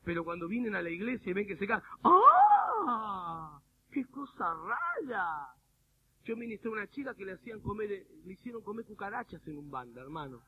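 A man preaching a sermon with an Argentine accent, animated and humorous, often mimicking people in little quoted bits. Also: high-pitched, racing, hardly any pauses, breathy edge. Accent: Argentine Spanish. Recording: phone-like radio broadcast with faint noise.

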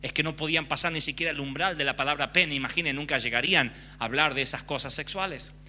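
An impassioned male preacher delivering a frank sermon and acting out everyday examples as he goes. His voice is strikingly bright and piercing, sitting on the higher side for a man. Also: fast, slight background noise.

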